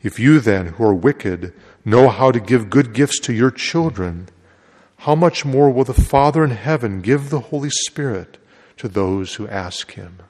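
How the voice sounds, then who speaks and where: A man's voice: medium pitch, animated, a little slow, a little mellow. A man serving as a priest, reading the gospel and preaching a homily in a large church. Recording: long echo of a large church.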